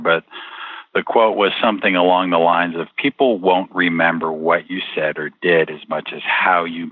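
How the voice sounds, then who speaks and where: A man in his fifties from Puerto Rico answers interview questions in an earnest, rambling way. His voice is very low, and it comes through a tinny, phone-like line with a dry, close sound. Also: no room sound. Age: 50s. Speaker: interview guest.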